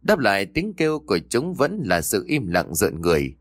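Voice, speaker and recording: A man narrating a scripted ghost story in a dramatic, expressive storytelling manner on a close mic. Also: on the low side, moderate pace, dry recording.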